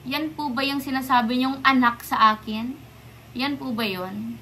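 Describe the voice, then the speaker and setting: A young woman from the Philippines speaks straight to her viewers in a bright, forceful voice, pitched a little high. She stays polite but defiant, firing off pointed rhetorical questions. A faint hiss runs under her voice. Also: fairly even intonation, a little slow. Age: young adult. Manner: indignant, confrontational, many rhetorical questions. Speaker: vlogger. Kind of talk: direct-to-camera rant.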